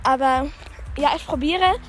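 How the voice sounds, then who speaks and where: A young woman talking casually while jogging, recording a rambling, halting podcast monologue in which she often corrects herself. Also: sits high, slight background noise. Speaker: podcast host. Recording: background music bed. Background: background music.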